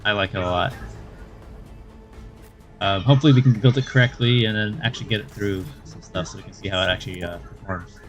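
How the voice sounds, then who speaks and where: A man's voice: on the low side, brisk, long pauses. Casual male game streamer thinking aloud. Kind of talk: casual live stream chat and gameplay commentary. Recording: music behind the voice. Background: game music.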